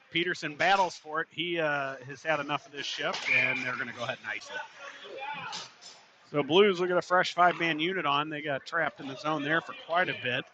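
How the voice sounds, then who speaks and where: A man doing running play-by-play commentary for a youth hockey game, steady in tone and rising sharply on shots. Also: fairly high pitch. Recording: noisy arena ambience.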